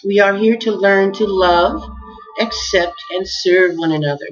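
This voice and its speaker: A woman giving an earnest, heartfelt spiritual message, measured and addressing her listeners warmly as beloveds. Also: mid-range voice. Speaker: spiritual speaker. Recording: dull lo-fi recording with faint music.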